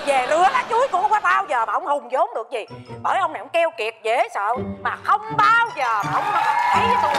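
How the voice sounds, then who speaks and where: A woman comedian in a stage sketch, scolding and bickering shrilly, laughing between jabs. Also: extremely high pitch. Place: stage before a live audience. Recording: live stage, long hall reverb, music and crowd.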